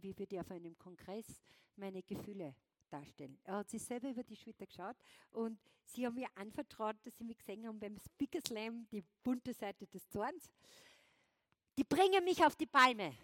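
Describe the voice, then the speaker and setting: A woman giving a lively motivational talk on stage, often checking in with her audience. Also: mid-range voice, no room sound. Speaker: motivational speaker. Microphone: wireless clip-on transmitter.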